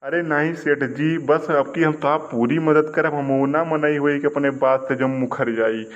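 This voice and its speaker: A man's voice: a little high, normal speed. Wheedling man, comedy. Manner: pleading, wheedling, excitable. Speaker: comic village election candidate. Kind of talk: village comedy sketch. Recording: lo-fi recording.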